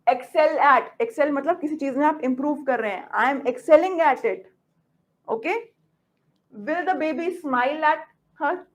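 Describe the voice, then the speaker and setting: Slow, high-voiced woman teaching grammar. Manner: explains by example sentences, often asks "okay?". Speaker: English teacher. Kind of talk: grammar lesson mixing Hindi and English.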